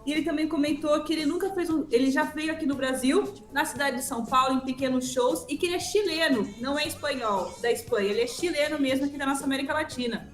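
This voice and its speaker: High-voiced woman interpreter in an echoey room. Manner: relays answers in quick Portuguese summaries with frequent "uhum". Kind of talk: live interpreting between Portuguese and English.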